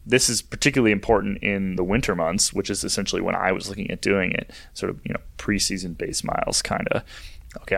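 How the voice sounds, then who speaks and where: A man's voice: deep voice, creaky, a bit bright. A man co-hosting a podcast, chatting casually and musing aloud with a joking edge. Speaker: podcast co-host. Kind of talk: casual chat.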